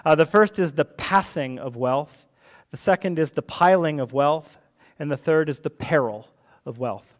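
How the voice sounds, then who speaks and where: A man's voice: on the high side, moderate pace. A man, the church's rector, preaching a sermon in a church service in a conversational way, often checking in with the listeners. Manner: conversational, checks in with tag questions.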